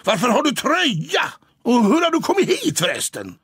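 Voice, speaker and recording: Audiobook: man doing a pompous town tomcat, stern and scolding, husky tone, lively pitch. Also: no echo, studio quality, heavily acted. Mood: haughty. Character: proud, grumpy male town cat who thinks himself finest. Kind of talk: audiobook character voice.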